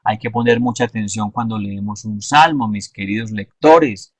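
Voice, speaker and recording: A man giving a measured, explanatory lesson and stressing his key points. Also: fairly low pitch, no room sound. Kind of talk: instructional talk.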